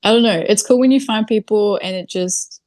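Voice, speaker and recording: With a mid-range, darkish voice and a slightly quick pace, a Kiwi woman who makes videos chats casually as a podcast guest, leaning heavily on "like" and "literally." There's no room sound.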